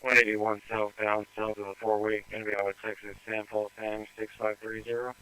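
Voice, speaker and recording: A man calling terse unit codes over a two-way walkie-talkie radio, halting with fillers. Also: lowish voice, monotone, sharp tone, a little hiss or hum. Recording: dry lo-fi radio transmission.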